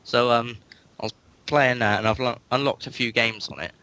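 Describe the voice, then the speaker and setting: A man's voice: mid-range voice, fairly even intonation, moderate pace, pushed and bright. A man with an English accent chatting casually as a panelist on a gaming podcast. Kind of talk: casual chat.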